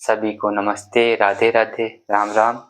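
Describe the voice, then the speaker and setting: A man's voice: on the low side, little pitch movement, fairly bright tone, rough recording. Patient man teaching children math. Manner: patient, repeats "ठीक है" and "देखिए" often; counts slowly on fingers. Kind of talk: classroom lesson for children.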